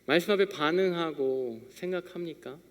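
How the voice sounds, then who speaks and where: A young male youth pastor delivers a sermon in a relaxed, conversational way, acting out little exchanges as he tells everyday stories. His voice sits high for a man. It rings out with the long reverb of a church hall. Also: normal speed. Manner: conversational storytelling preacher, acting out little dialogues. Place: church sanctuary.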